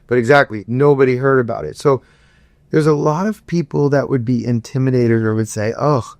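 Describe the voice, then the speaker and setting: A man hosts a podcast with a smooth, resonant voice and a dry, close sound. He asks his questions enthusiastically, in quick bursts. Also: medium pitch, darkish tone, dry recording. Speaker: podcast host, attorney. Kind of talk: interview conversation.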